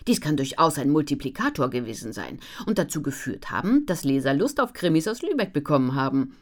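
A woman voicing an enthusiastic female book editor who talks brightly and energetically on the phone. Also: sits low, big pitch swings, a little fast.

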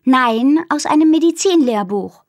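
A woman reading aloud voices a young know-it-all girl who lectures in a high, easily irritated voice. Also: expressive, measured pace, no room sound.

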